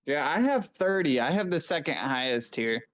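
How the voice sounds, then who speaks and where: A man's voice: on the high side, animated, normal speed, fairly bright tone, dull audio. A man playing in a tabletop game, talking through his moves in a matter-of-fact, casual way. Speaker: player.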